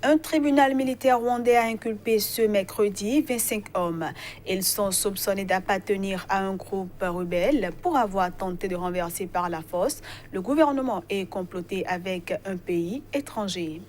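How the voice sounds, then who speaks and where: A woman news anchor presenting headlines in a crisp, formal way. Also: mid-range voice, moderate pace, darkish tone, slight background noise.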